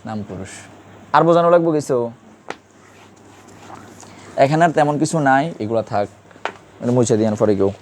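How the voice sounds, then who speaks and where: A man's voice: medium pitch, lively intonation, moderate pace, pauses often, slight background noise. A man teaching a classroom grammar lesson, quizzing students and repeating key terms.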